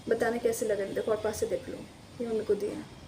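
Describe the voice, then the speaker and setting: A woman's voice: mid-range voice, flat delivery, quick pace, mellow, a little hiss or hum. A woman chatting casually to her viewers in an unboxing vlog, rambling and speaking to them directly from a room at home. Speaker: vlogger.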